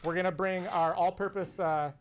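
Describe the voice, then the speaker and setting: Lower-voiced woman hosting a cocktail show. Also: steady tone, moderate pace. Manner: chatty, explains step by step. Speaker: host.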